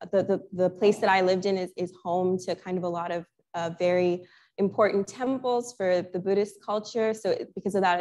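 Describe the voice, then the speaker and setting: A young woman artist who grew up in Sri Lanka, answering questions in a conversational talk, reflective and full of small restarts. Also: mid-range voice. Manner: reflective, thoughtful, many restarts and fillers. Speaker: guest artist.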